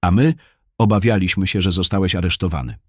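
Here a man plays a chatty male fruit vendor at a market, warm and friendly, now and then lowering his voice to a whisper. He talks a little fast, and the studio recording has no echo.

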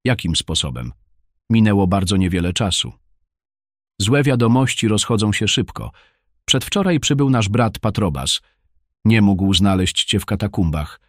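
A man's voice: lively intonation, moderate pace, no echo, clean studio sound, natural voice. A man voicing a friendly, talkative male fruit seller at a market who sometimes drops to a whisper. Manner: warm, chatty, sometimes lowers to a whisper.

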